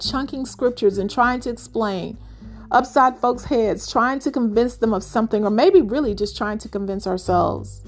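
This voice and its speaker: A woman hosting a reflective devotional talk, speaking gently and measuredly with pauses. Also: medium pitch. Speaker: podcast host.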